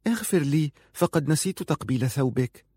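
A man voicing a young boy, a bewildered and grieving son, in a soft raised voice. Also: fairly high pitch, animated, a little fast, breathy edge, no room sound, clean studio sound, voice pushed up. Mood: timid.

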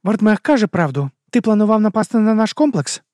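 A man reading an audiobook voices a calm woman researcher who keeps questioning steadily. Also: sits high, a little fast, pitched above the performer's own voice. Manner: level, persistent questioning. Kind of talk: audiobook character voice.

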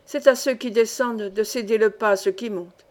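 A woman reading the lines of an older male mining engineer, with calm, courteous questions. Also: medium pitch, a little fast, lightly acted. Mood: measured.

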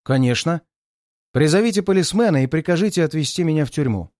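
A man reading aloud and voicing a cool-headed male detective in disguise who explains his plans calmly and deliberately. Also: fairly high pitch, dry recording, studio quality, natural voice.

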